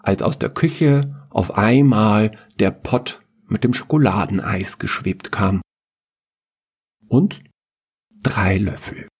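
A man telling a family story with a dry, playful wit, then chatting with quick banter. His voice sits low and comes out husky. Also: lively intonation. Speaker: podcast host and storyteller. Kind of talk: narrating a story, then casual chat.

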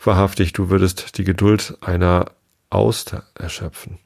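A man's voice: low voice, little pitch movement, moderate pace, gravelly, a little mellow. Man doing a cheeky young toad.

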